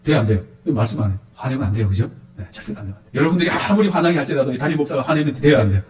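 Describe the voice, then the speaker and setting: A male pastor preaching a sermon, questioning his congregation in a lively, animated way. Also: medium pitch, rapid-fire, roomy sound.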